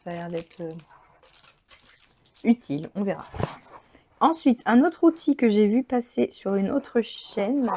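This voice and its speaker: Chatty French-speaking woman, mellow voice. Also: mid-range voice, very animated, measured pace, long pauses, a little hiss or hum. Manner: chatty, enthusiastic, thinks aloud with many fillers. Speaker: crafting channel host. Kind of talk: casual unboxing chat.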